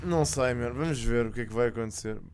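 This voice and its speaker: A man with a European Portuguese accent reacts to a game announcement as a streamer, talking fast at a medium pitch over music. His commentary is casual, slangy and full of swearing, with bits of English mixed in.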